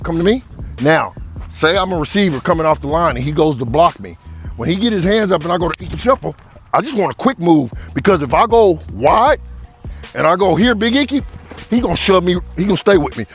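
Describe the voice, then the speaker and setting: A man in his fifties who coaches athletes, calling out footwork drills and counting beats in an upbeat, instructive way. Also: a little high. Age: 50s. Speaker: speed coach.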